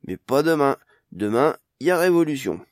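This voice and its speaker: A man voicing a cheerful male companion in an audiobook, with a bright, laughing tone. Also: mid-range voice, sing-song, moderate pace, dry recording, studio quality, voice pushed up, natural voice.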